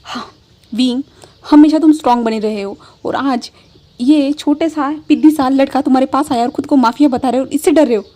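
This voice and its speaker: A woman's voice: high voice, fairly quick, mellow, natural voice. A woman voicing a young man who scornfully teases a frightened friend. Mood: mocking. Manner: mocking.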